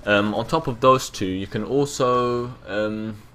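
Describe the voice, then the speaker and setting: A man's voice: fairly low pitch, measured pace, fairly bright tone, slight background noise. A young man from London with a London accent, giving casual gameplay commentary, rambling and repeating himself with the odd swear word. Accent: London English.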